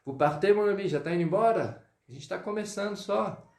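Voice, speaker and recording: Guy giving a live french lesson, kinda high voice, echoey room, says the words slow to drill them. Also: gravelly. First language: Portuguese. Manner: lively teaching, greets viewers, drills pronunciation slowly. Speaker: French teacher. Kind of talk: live online language lesson.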